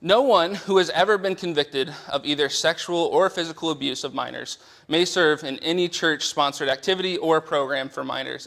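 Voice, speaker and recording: A man's voice: fairly high pitch, fairly bright tone. A man in a church meeting room who reads out child protection policy and then explains it in casual asides. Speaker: church training presenter. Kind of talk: policy training talk.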